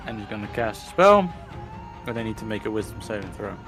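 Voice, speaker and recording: A man's voice: on the low side, sing-song, fairly quick, a bit bright. A man playing a tabletop game, casually narrating his character's actions. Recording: music playing behind. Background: background music.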